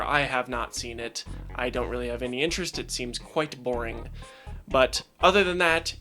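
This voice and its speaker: A man's voice: medium pitch, a bit bright. A young man giving casual video commentary, chatty and a little exasperated. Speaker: commentary YouTuber.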